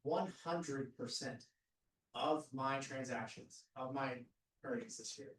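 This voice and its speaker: A man's voice: medium pitch, slow. A man on a discussion panel who talks casually, with many fillers. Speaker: real estate agent panelist. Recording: echoey room, mic at a distance.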